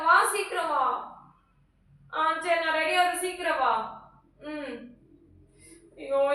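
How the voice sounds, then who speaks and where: A woman's voice: sits high, pushed and bright. A woman acting in a comedy skit at home, whining and complaining. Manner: whiny and complaining. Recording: echoey room, far from mic.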